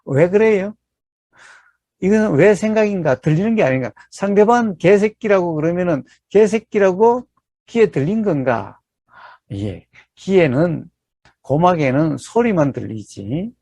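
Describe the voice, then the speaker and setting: Creaky-voiced man giving a dharma talk. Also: sits high, expressive, a little slow, mellow, no echo. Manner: explains step by step, asks rhetorical questions, checks in with "eh?". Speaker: meditation teacher.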